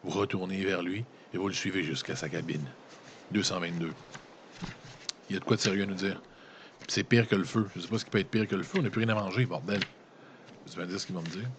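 Very deep-voiced Quebec French man reading a gamebook. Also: fast talker, long pauses, noisy background. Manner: breaks off narration with joking, slangy asides. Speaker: gamebook reader and player. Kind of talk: reading a gamebook aloud with casual commentary.

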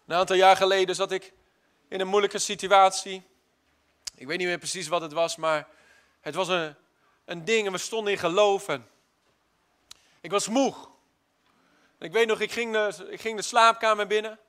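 A man with a high, ringing voice delivers a sermon. He swings between hushed, stretched-out lines and loud, forceful declarations, and now and then slips into an English phrase. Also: steady tone, moderate pace, long pauses, clear, resonant tone. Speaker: preacher.

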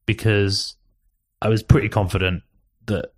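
A man's voice: lowish voice, flat delivery, a little slow, breathy edge. A man reading a silly story aloud and chatting about it with a co-host. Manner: reads aloud evenly, breaks into laughter and banter. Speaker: narrator reading a generated story. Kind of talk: comic story reading and podcast chat.

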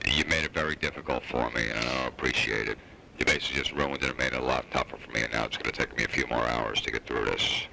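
A man on a phone call, speaking in a calm, flat monotone. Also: extremely low pitch, fast, vocal fry, slight background noise. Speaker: prank call recipient.

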